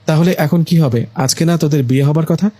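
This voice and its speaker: A man's voice: a little high, brisk, dark tone, no room sound, natural voice. A man doing a bossy scolding mother. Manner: scolding, pushy. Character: middle-aged mother, bossy and eager for the wedding.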